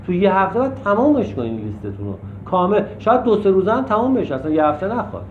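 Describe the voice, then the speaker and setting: High, lively-voiced man running a group. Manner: firm, instructive, blunt and teasing. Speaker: group facilitator. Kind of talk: leading a recovery group session. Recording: echoey room, muffled sound, faint noise.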